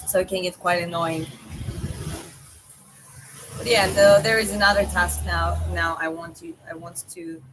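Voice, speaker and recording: A woman with a Georgian accent chats casually as a live streamer, thinking aloud in a halting way. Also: fairly low pitch, fairly even intonation. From Georgia (country). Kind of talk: casual livestream chat. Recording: clear background noise.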